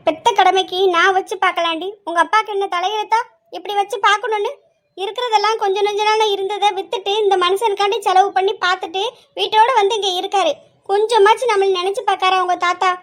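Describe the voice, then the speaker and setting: A woman voicing a fierce middle-aged mother who rants and scolds with sharp rhetorical questions in a homemade family skit. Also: extremely high pitch, fairly even intonation, quick pace. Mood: ranting.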